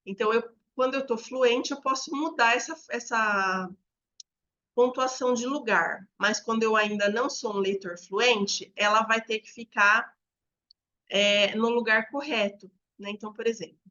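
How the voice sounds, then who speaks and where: Woman educator explaining to teachers, fairly high voice, slightly dull recording. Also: steady tone, normal speed, sharp tone. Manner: explanatory, demonstrates examples aloud.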